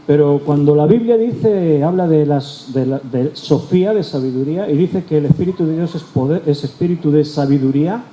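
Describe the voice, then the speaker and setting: A man's voice: on the high side, normal speed, few pauses, mellow, slight background noise. A male pastor, teaching a Bible study. He explains patiently and often repeats or rephrases his key words. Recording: roomy echo with faint background ambience.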